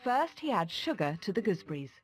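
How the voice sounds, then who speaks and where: A woman's voice: medium pitch, big pitch swings, fast, slightly rough. A woman with a British accent reading scripted cookery narration as a presenter. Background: music.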